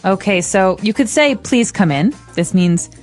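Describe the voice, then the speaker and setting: A woman co-hosting an English lesson podcast, explaining vocabulary in a clear, patient way. Her voice is of middle pitch. Soft music plays faintly in the background. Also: expressive, unhurried. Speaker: English teacher co-host.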